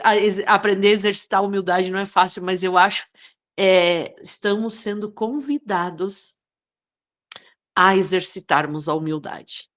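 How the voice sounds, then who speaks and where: Speaking at medium pitch with a fairly bright tone, this Brazilian study group participant shares reflective thoughts in the spiritual discussion. She tends to tack tag questions onto her remarks.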